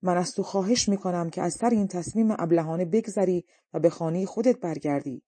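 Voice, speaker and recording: A woman's voice: lowish voice, no room sound, natural voice. A woman voicing a commanding male dragon king in an audiobook story. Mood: alarmed. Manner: loud, commanding.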